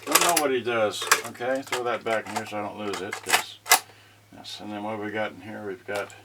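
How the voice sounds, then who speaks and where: In a noisy home video marked by clicks, an electronics unboxing host talks a little fast in a lowish voice with fairly even intonation. He unboxes casually and without a script, rambling, thinking out loud, and frequently leaving thoughts unfinished.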